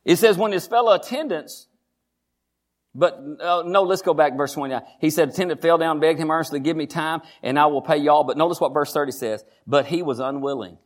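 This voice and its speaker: A man preaching a sermon. He repeats phrases for emphasis, calls the congregation honey and rises in pitch as he drives each point home. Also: a little fast.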